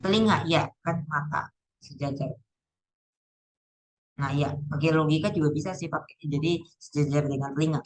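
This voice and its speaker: A woman's voice: low voice, moderate pace, pauses often, rough recording. Chatty young woman thinking aloud. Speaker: student going over exam answers. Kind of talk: casual spoken exam walkthrough.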